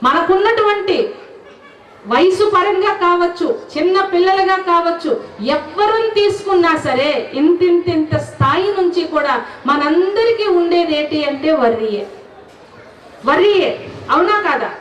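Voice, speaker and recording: A woman's voice: extremely high pitch, lively intonation, moderate pace, a little hiss or hum. A woman giving a devotional talk to a gathering. She talks earnestly and keeps putting questions to her listeners. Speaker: spiritual speaker. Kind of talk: devotional talk with sung verses. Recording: echoey, distant, dull hall recording.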